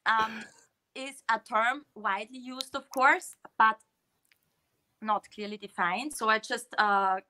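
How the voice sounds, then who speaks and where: A woman's voice: on the high side, slow pace, pushed and bright. A woman with a German accent, a guest giving a slide presentation over a video call, explaining steadily with many fillers and restarts. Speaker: guest speaker.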